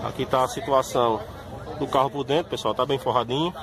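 Walking through an outdoor car fair with his phone, a man gives an informal, chatty look at the cars, often calling out "pessoal." His mid-range voice stays fairly level and he speaks quickly, with traffic and crowds audible behind him.

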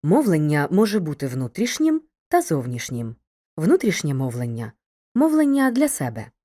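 Woman, low voice, mellow tone, scripted lesson narration, measured and clear. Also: huge pitch swings. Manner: clear, measured delivery addressing a student. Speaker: teacher narrating a video lesson.

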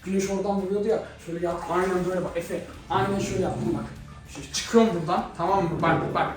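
A young man hosting a casual prank vlog, talking in an excitable, teasing way. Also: sits high, rapid-fire. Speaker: vlogger. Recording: echoey room, far from mic, music behind.

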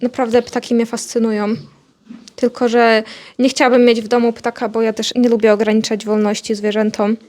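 A woman's voice: on the high side, little pitch movement, a little fast, a little mellow. A young woman, chatting casually in her vlog about her pets. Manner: chatty, talks fondly to her animals. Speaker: vlogger.

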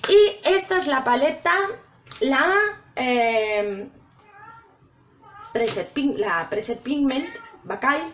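A woman's voice: sits high, lively intonation, slow, long pauses, a bit bright, slight background noise. A woman chatting casually to her viewers while trying out makeup. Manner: chatty, addresses viewers directly. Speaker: makeup vlogger.

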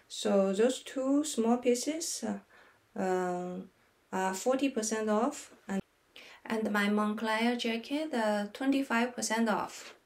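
Slow halting woman vlogger, echoey room. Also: on the high side, darkish tone. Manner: halting, with many pauses and fillers. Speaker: fashion vlogger. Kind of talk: casual unboxing and try-on. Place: small room at home, indoors.

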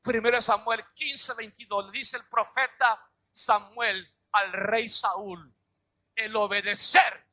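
A male pastor preaching a sermon, dramatic, acting out little scenes and shouting key lines. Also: high-pitched.

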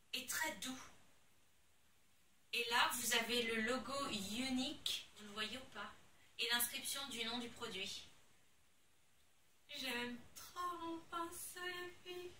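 A young beauty vlogger unboxes products and gushes over them, excitable and casual, with exclamation after exclamation in her quite high, very bright voice. The room is echoey and she sits a little away from the mic, with a faint hiss in the background.

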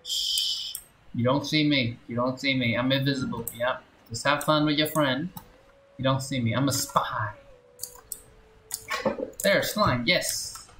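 With a sharp tone and medium pitch, a man unhurriedly comments on the video game he's streaming, leaving long pauses between short, playful exclamations aimed at himself and his chat. A little hiss or hum is audible, along with roomy echo and game music in the background.

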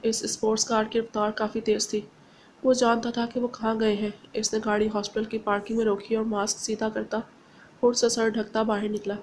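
A woman narrating a romance novel aloud at an even, steady pace. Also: fairly high pitch, brisk, a little hiss or hum. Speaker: audiobook narrator. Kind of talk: novel reading.

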